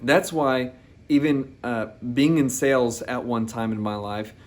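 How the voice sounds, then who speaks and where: A man's voice: medium pitch, fairly even intonation, unhurried. Man preaching a conversational sermon. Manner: conversational, repeats and restarts phrases; reads scripture aloud between explanations. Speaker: pastor.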